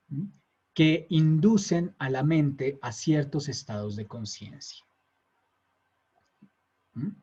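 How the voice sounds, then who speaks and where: A man's voice: mid-range voice, warm tone, husky. A man giving a conversational lecture, often checking in with his listeners. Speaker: teacher. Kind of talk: recorded lecture. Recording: dull lo-fi lecture recording.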